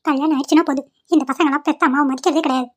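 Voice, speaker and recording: A woman voicing a domineering older mother-in-law in a cartoon, talking in a sharp, scolding way. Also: high-pitched, fairly even intonation, racing, natural voice. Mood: scornful.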